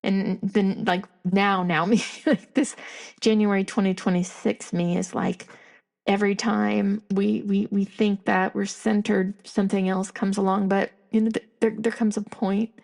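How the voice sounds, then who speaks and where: A woman's voice: mid-range voice, flat delivery, measured pace, gravelly, darkish tone. A woman in her fifties hosting a podcast, talking candidly in a reflective, rambling monologue full of restarts. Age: 50s. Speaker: podcast host.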